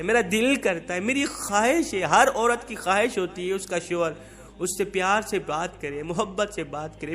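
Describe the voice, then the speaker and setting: A man's voice: sits high, fairly bright tone. A man voicing a humiliated wife who tearfully pleads her case in a sermon story. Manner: pleading, sorrowful.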